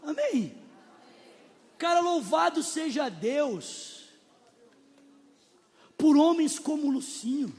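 A male pastor with a Brazilian accent preaching a sermon, emphatic and joking, rising to shouts at high points. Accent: Brazilian Portuguese. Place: church hall. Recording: long reverb in a large hall.

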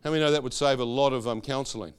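A man's voice: medium pitch, very fast. A man preaching a sermon testimony, telling his story and quizzing the audience with questions.

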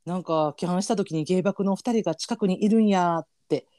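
A man with a Kansai accent co-hosting a casual podcast, excitable and laughing often as he reacts quickly. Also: sits high, no room sound, studio quality. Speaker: podcast co-host.

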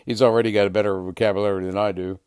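An older man hosting a casual sports podcast, talking in a relaxed, rambling way with lots of "uh" fillers. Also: lowish voice, very fast, clear, resonant tone, no room sound, studio quality. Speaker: podcast host.

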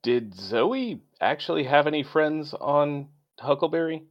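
A man's voice: on the high side, lively intonation, a little slow. A man hosting a casual book podcast who leads the talk with prepared questions in a dry, matter-of-fact way. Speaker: podcast host asking questions. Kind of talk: casual chat. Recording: dull, lo-fi sound.

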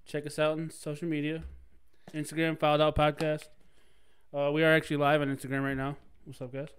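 A man's voice: fairly high pitch, monotone, a little fast, clear, resonant tone. A man hosting a casual sports podcast from his basement, jokey and often laughing at himself. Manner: laughing, jokey, self-deprecating. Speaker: podcast co-host. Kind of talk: casual chat.

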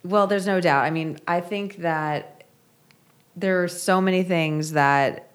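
Low-voiced woman, earnest and reflective. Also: takes it slowly, clear, resonant tone. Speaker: author and guest. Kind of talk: conversational interview.

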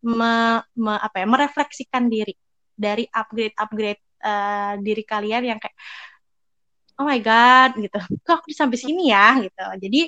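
Chatty young woman, slightly high, dry sound. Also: a bit bright, dry recording, poor audio. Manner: chatty, quick, acts out little quoted thoughts. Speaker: guest giving career advice. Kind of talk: casual advice talk.

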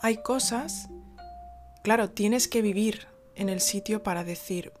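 A woman's voice: medium pitch, slow, faint music behind. A woman from Spain, telling a personal story in a casual, rambling way with many fillers and restarts.

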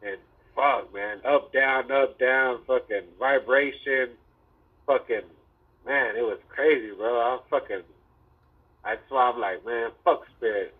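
A man's voice: mid-range voice, slow, slightly rough. A man chatting casually like a frat bro, in loose slang with heavy swearing. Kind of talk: casual chat. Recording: tinny, narrow phone-like sound.

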